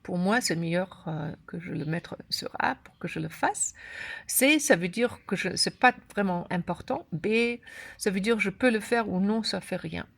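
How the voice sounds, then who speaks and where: Halting German woman in broken French, creaky voice. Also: medium pitch, a bit bright. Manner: broken, halting French with grammar slips and word searching. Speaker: course creator and app instructor. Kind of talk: unscripted tutorial walkthrough.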